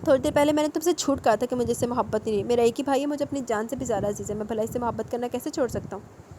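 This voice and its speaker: A woman's voice: a little high, warm tone, slight background noise, close to an everyday voice. A woman voicing a distraught young man, an urgent and protective elder brother, in a storybook reading. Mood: pleading. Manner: urgent, raises voice in alarm.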